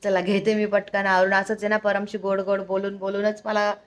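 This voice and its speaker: A woman's voice: mid-range voice, completely flat delivery, fairly quick. A mother filming a casual home vlog in her bedroom, chatting to her small son in a sing-song baby-talk way. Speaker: mother and vlogger.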